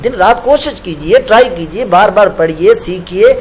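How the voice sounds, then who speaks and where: A man with a notably high voice for a male teacher leads a recitation lesson. He explains each point patiently and slowly chants the verses he corrects. A faint hiss sits under his voice. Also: animated. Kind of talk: tajweed lesson with recited examples.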